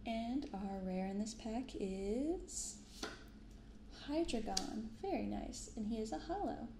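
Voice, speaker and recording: Hosting her card-opening channel, a young woman whispers through hushed, unhurried commentary and reads cards aloud in ASMR fashion. Her slightly high voice is animated and gravelly, recorded binaurally in a reverberant space with some background noise.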